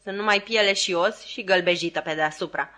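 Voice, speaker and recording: A woman's voice: mid-range voice, sharp tone, close to an everyday voice. Woman doing a curt, bitter old lady. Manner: curt, cutting.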